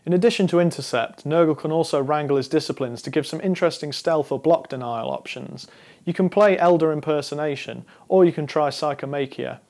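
A young man in his twenties presenting a scripted explainer on card game strategy, talking straight to camera in a measured, instructive way. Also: a little high, darkish tone. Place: studio against a dark backdrop.

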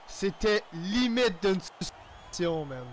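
Quebec French gamer guy, high voice, calls his own hockey game play by play, quick to shout. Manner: excitable, loud outbursts, sprinkles English exclamations. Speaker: gaming YouTuber.

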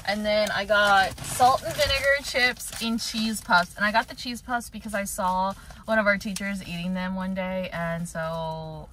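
A woman's voice: medium pitch, a bit bright, slight background noise, low-quality recording. A young woman in her twenties, chatting casually to a handheld camera in a daily vlog and saying "like" a lot. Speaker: vlogger. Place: car, gym, bedroom and kitchen. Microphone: camera held at arm's length.

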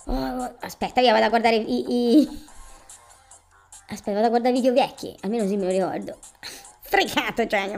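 A woman doing gameplay commentary, thinking out loud as she plays and talking to the characters. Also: on the high side, creaky. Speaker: video game streamer. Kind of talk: gameplay commentary, reading game dialogue aloud. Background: video game music.

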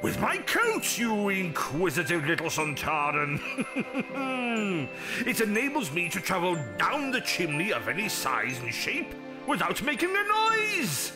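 A man's voice: high voice, huge pitch swings, measured pace, over music, full character voice, rough recording. A man playing a jolly old Father Christmas in an audio drama, hearty, theatrical and chuckling. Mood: merry, reassuring. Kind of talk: fan audio drama acting.

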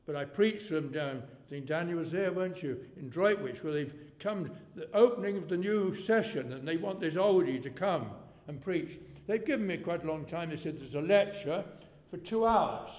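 A man's voice: a little high, expressive, moderate pace, hardly any pauses, darkish tone. A man in his eighties preaching a sermon in a rambling, folksy way, his volume rising suddenly to make a point. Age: 80s. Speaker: pastor. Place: church hall. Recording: long church reverb.

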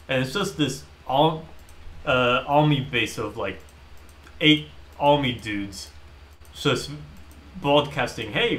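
A man casually retelling a movie plot in a rambling, animated way while streaming a game. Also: mid-range voice. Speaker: gaming streamer. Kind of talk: casual commentary while playing.

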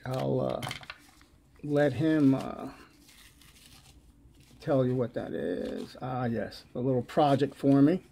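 A man with a New York accent talks slowly through an unboxing, with lots of hesitant fillers and a lozenge in his mouth. His voice is dark and mellow, and he speaks at an unhurried pace. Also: medium pitch, vocal fry. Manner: slow, halting, many uh fillers, relaxed. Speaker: lock-picking channel host. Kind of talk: casual unboxing chat.

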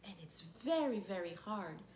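A woman in her thirties reads a picture book aloud from her living room couch at normal speed, her medium-pitched voice sing-song with a darkish tone. She draws out words expressively and adds playful sound effects. The camera sits a few feet away, and the recording sounds roomy and echoey with faint noise.

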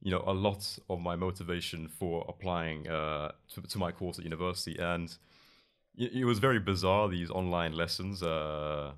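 Deep-voiced young London man. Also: moderate pace, a bit bright, smooth. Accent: London English. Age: young adult. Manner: loose, rambling with many restarts and fillers. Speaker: guest. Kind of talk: casual interview. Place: podcast studio with couch. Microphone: boom mic on arm.

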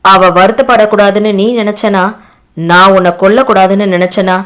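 A woman's voice: mid-range voice, steady tone, a little fast, a bit bright, natural voice. A woman voicing a young man who speaks harshly and scornfully. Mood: threatening.

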